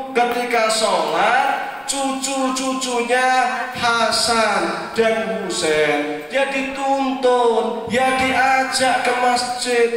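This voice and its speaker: A man with a Javanese accent delivers a lively sermon in a mosque and often slips into the voices of the people in his stories. His voice sits very high, and the booming hall reverb and distant mic make him sound far away. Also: a little hiss or hum. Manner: animated, acts out prayers and voices. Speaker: preacher.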